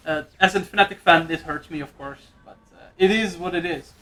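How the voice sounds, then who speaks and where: A man casts a live esports match. His voice sits high and light. He calls the action excitedly and drops jokey asides. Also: brisk. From Netherlands. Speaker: esports commentator.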